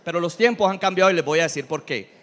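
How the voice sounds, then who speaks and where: Man, pastor, sermon, high voice, humorous, middle-aged. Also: fast. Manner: humorous, animated preaching with audience questions.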